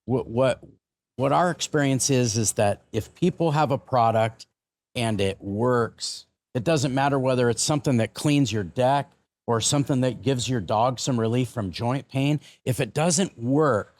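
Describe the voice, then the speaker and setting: An American man speaking as a business guest in a podcast interview, explaining things with halting, repeated words. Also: mid-range voice, darkish tone, no echo.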